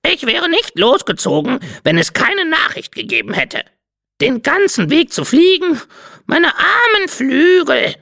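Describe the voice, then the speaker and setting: A shrill, vain bird messenger. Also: female voice, big pitch swings, gravelly, fairly bright tone, no room sound, studio quality, exaggerated voice. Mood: whining. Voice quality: shrill, theatrical. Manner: drawn-out, self-pitying. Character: vain dramatic female red bird messenger. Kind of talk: audiobook character voice.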